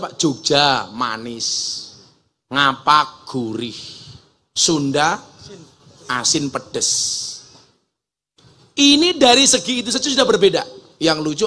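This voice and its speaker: Bright, lively man preaching. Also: on the high side. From Java, Indonesia. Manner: joking, animated, acts out regional dialect voices. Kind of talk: humorous religious sermon.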